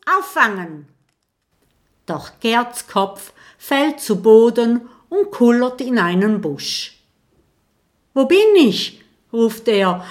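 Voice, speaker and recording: A woman narrating a children's audiobook in a calm storytelling manner. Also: on the high side.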